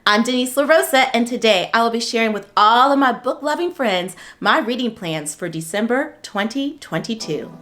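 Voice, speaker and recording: Lively, slightly lispy woman book vlogger. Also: fairly high pitch, normal speed, hardly any pauses. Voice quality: slightly lispy from dental aligners. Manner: chatty and expressive. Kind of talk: casual vlog chat.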